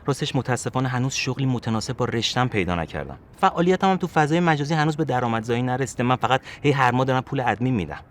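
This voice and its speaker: An actor playing an earnest, overly polite young fiancé who speaks formally. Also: male voice, mid-range voice, lively intonation, hardly any pauses, a little hiss or hum, lightly acted.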